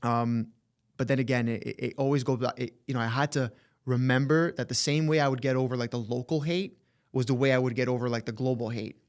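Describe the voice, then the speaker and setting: A man's voice: medium pitch, smooth. A young man with a slight lisp, talking casually and profanely as a podcast guest, often acting out what others said. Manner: animated, profane, quick to act out quotes. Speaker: podcast guest, agency co-founder. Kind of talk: casual interview talk.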